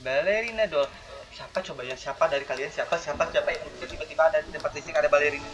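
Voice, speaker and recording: A man's voice: fairly high pitch, steady tone, very fast, a bit bright. A young man, chatting to viewers while playing a horror game and letting out sudden startled exclamations. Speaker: gaming channel host. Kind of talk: horror game let's play commentary. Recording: dull lo-fi audio with faint hiss.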